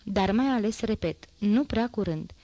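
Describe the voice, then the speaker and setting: Woman reading a curt police inspector guy, quick firm orders, audiobook. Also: mid-range voice, expressive, mellow, dry recording, muffled recording, lightly acted. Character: stern male police inspector, curt and commanding.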